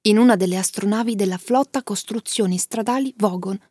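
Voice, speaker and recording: A woman's voice: mid-range voice, a little fast, a little mellow, breathy edge, no echo, clean studio sound, close to an everyday voice. A woman voicing a nervous but matter-of-fact male alien traveller in a storybook reading.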